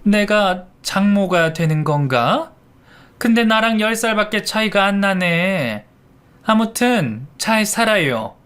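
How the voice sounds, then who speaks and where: A man voicing a haughty, flashy middle-aged mother-in-law who speaks in a slow, condescending drawl. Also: high-pitched, expressive, a bit bright, clean tone, pitched above the performer's own voice, full character voice.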